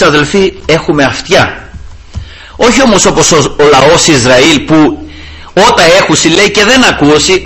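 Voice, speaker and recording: A man's voice: high-pitched, a bit bright. A man preaching a sermon after a scripture reading, calling his listeners brothers and pressing them with rhetorical questions. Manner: reads scripture in an old formal cadence, then preaches freely.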